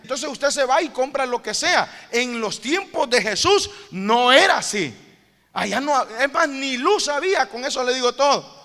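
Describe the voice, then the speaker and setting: A male preacher tells a parable in a lively sermon, voicing its characters as he goes. His voice sits very high and sounds bright and forceful. The sound carries a long church-hall reverb with faint music underneath. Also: moderate pace. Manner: animated storytelling, acting out the parable's characters; addresses the congregation as "hermano".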